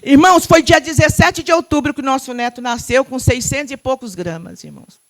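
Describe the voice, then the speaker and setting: A middle-aged Brazilian woman pastor preaching with fervor from a church pulpit. Her delivery surges into loud, impassioned cries, then drops to hushed, tender tones. She sometimes breaks into speaking in tongues. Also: high voice, fairly quick. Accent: Brazilian Portuguese. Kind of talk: fervent Pentecostal sermon. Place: church sanctuary.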